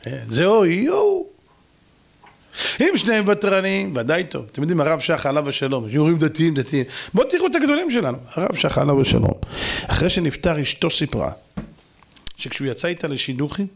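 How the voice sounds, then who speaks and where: A man's voice: a little high, gravelly. A man, a rabbi, preaching a sermon in an emphatic style full of rhetorical questions. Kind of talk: sermon to a congregation.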